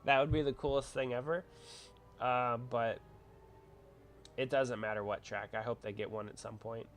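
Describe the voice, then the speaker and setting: Over slight background noise, the livestream host speaks at a moderate pace in a medium-pitched voice with fairly even intonation. He's an adult man with a wife, congested from a cold, chatty and rambling as he reads out viewer comments.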